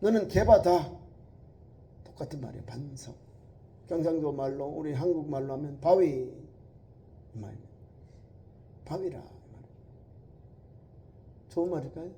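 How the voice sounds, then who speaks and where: Emphatic pastor preaching. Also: male voice, normal speed, pauses often, a little hiss or hum. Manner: emphatic preaching, swinging between loud acted quotes and low asides. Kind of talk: sermon.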